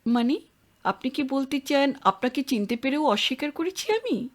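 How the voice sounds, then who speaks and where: A woman's voice: high-pitched, expressive, normal speed, voice pushed up. A woman voicing a reserved young woman in an audio story, answering curtly and defensively. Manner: defensive, curt replies.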